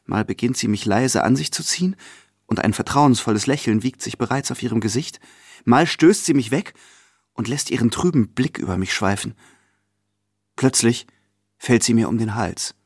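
A man reading a novel aloud as first-person literary narration, measured and following the drama of the scene. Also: medium pitch, animated, slightly rough, no echo, studio quality. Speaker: reader.

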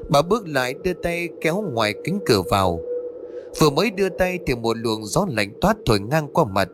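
A man narrating a ghost story in a steady, measured manner on a close mic. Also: on the high side, music in the background.

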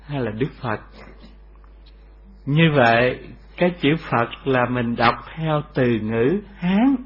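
A man giving a Buddhist dharma talk, explaining slowly and asking rhetorical questions. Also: mid-range voice, breathy edge. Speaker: Buddhist teacher. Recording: dull lo-fi recording.

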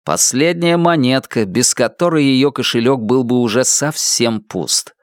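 A man reading an audiobook in a steady, dramatic storytelling manner. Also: medium pitch, a little slow, dry recording, studio quality. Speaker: audiobook reader. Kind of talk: scripted narration.

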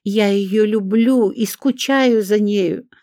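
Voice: big pitch swings, normal speed, darkish tone, no room sound, studio quality, natural voice. A reader voicing a self-pitying young mother who whines, shrieks and plays at tears. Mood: shrill tearful. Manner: shrill, whiny, melodramatic.

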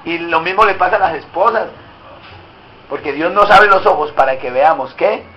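A man's voice: a little high, normal speed, sharp tone, lo-fi sound, a little hiss or hum. A male pastor preaching an emphatic sermon and prompting his congregation to answer back. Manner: emphatic, drawing call-and-response from the congregation.

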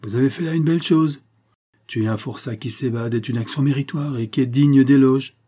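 An excitable male port captain who exclaims in surprise and gushes with praise, as a man puts him on in an audiobook. The voice sits higher and louder than the reader's own, with a warm, husky tone. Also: brisk, close to an everyday voice. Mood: astonished. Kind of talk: audiobook character reading.

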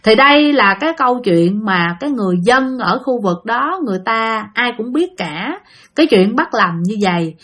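A woman with a Southern Vietnamese accent tells a ghost story in a loose, chatty way, with a fairly high voice. She keeps speaking straight to her listeners and fills her sentences with small fillers. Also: expressive, moderate pace, fairly bright tone. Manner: chatty, addresses listeners directly, frequent fillers. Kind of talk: casual spooky storytelling to listeners.

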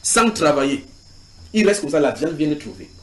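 A man's voice: on the high side, normal speed. A man preaching in a house church, teaching from the Bible, reading scripture aloud and putting questions to his listeners. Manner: animated, asks the group questions and reads scripture aloud.

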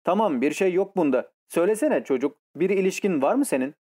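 A woman's voice: fairly low pitch, expressive, brisk, dark tone, breathy edge. A man reading an audiobook and voicing a playful young woman who coaxes and mocks. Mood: teasing. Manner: coaxing, mocking.

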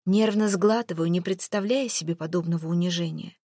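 A woman's voice: on the low side, a little fast, warm tone, no room sound. A woman reads a romance novel aloud in the first person, her delivery dramatic and full of feeling. At moments she falls to a whisper. The recording is dry and close, with no room sound. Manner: dramatic, emotional, dropping to a whisper at times. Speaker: audiobook narrator.

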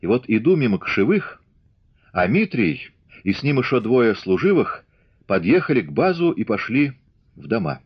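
A man's voice: mid-range voice, sing-song, moderate pace, husky, dry recording. Man voicing a frightened, rambling village woman. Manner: rambling, faltering, folksy storytelling. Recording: dull lo-fi audiobook recording.

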